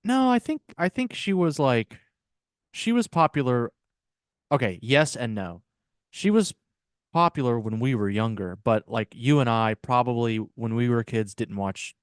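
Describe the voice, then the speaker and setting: Male podcast co-host, smooth resonant voice, dry close sound, playful, casual swearing. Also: mid-range voice, expressive, a little slow, dry recording. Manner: playful, swears casually, mimics accents for laughs. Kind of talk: casual chat.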